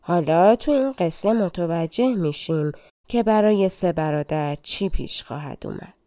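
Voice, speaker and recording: A woman narrating an audiobook of fairy tales in a gentle, colloquial telling style. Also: on the low side, no room sound, studio quality. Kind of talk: storytelling narration.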